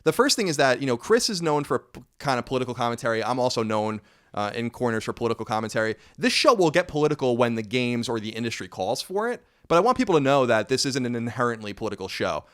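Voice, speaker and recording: A man's voice: medium pitch, sing-song, quick pace, fairly bright tone. A man in his thirties hosting a casual podcast, rambling and correcting himself with wry asides. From United States. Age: 30s. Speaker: podcast host.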